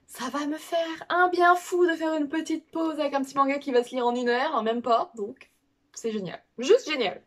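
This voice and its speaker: Booktube girl chatting to her viewers, lots of ums and restarts, kinda high voice. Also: moderate pace. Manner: hesitant, full of fillers and restarts. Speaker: book vlogger. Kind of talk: casual chat to viewers.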